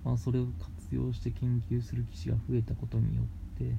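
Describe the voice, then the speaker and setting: A man talking casually as a radio host, explaining things in halting, phrase-by-phrase steps. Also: medium pitch, monotone, vocal fry, warm tone. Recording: muffled lo-fi with faint background noise.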